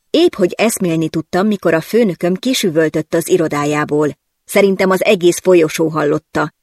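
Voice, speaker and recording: An audiobook narrator reading a first-person novel in a lively, wry storytelling manner. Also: mid-range voice, no room sound, studio quality.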